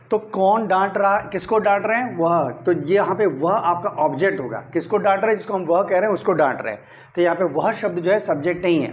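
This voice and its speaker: A man's voice: on the high side, dull audio. A man teaching English grammar in Hindi, working through each sentence step by step and repeating his questions. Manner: methodical, drills steps by number and repeats questions. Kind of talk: explaining a grammar lesson in Hindi.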